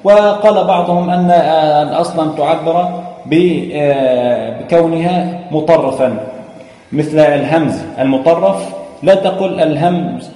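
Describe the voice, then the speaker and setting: A man's voice: fairly high pitch, normal speed, mellow. A man teaching a lesson on Quran recitation, explaining step by step with frequent hesitations and chanting verses. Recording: echoey room with long reverb.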